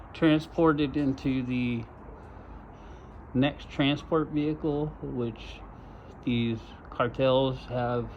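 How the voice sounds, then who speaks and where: Arizona guy vlogging outside, slow and pushy, lots of repeating, dull lo-fi sound w loud road noise behind. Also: mid-range voice. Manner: urgent, repetitive, emphatic. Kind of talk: outdoor commentary vlog.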